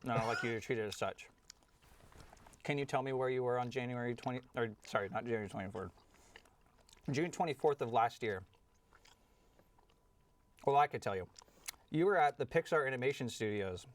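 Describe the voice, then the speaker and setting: A man's voice: medium pitch, fairly quick, long pauses. A young man hosting a casual interview during a candy tasting, asking questions in a jokey, mock-serious way. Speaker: host. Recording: slightly distant mic, faint noise.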